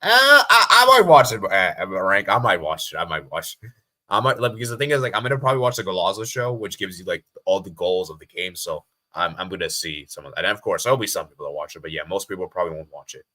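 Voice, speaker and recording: A casual American live-streamer with a deep voice and a bright, forceful edge. He rambles loosely, repeats his phrases and reads viewer comments aloud as he goes. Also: fast talker. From USA.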